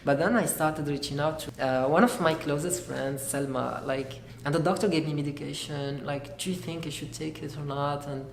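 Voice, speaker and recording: A young man from Algeria, giving an earnest, halting personal testimony as a graduate student. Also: fairly high pitch, fairly even intonation, creaky. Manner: earnest, halting, searching for words. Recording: echoey room with faint noise.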